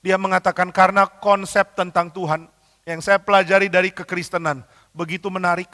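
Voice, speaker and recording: A pastor delivers a sermon in a high, bright voice. He acts out the people in his stories and drives home his points with emphatic repeated lines. His voice rings out through a hall with a long echo. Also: little pitch movement, brisk.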